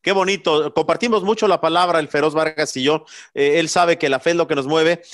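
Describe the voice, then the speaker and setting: A man's voice: a little high, fairly even intonation, a little fast, a bit bright. A man from Mexico with a Mexican Spanish accent, hosting a boxing show interview in a chummy, religious way, with slang and swearing. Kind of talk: casual interview.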